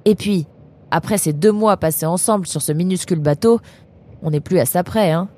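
A woman's voice: fairly low pitch, normal speed, mellow, close to an everyday voice. A woman voicing a cheerful, teasing young male animal traveler in a storybook reading, talking playfully and chattily.

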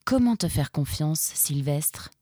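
A woman's voice: low voice, animated, slow, warm tone, dry recording, studio quality, heavily acted. A woman voicing a cool, guarded female warrior leader. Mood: distrustful.

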